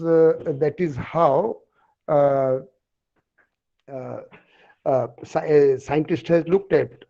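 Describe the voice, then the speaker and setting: Male lecturer, North Indian accent, slightly high voice, halting and hesitant, explaining off the cuff over muffled call audio. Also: warm tone. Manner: halting, with many long hesitations. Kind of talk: extempore online lecture. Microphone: online call on a phone. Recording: dull, low-fidelity online call audio.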